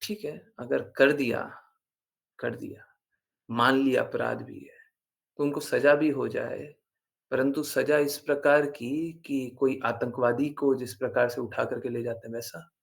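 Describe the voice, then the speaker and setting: A man's voice: medium pitch, fairly even intonation, measured pace, vocal fry. A man giving a devotional class talk, earnest and insistent, repeating phrases for emphasis and mixing English words into his speech. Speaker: spiritual teacher.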